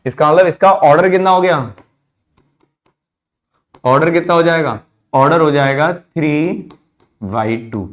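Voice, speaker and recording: Male math teacher, somewhat high voice, drills students with repeated questions. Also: unhurried, pauses often. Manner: asks students questions and answers them himself, repeating key terms; calls students "children", drops his voice at answers. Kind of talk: classroom lecture.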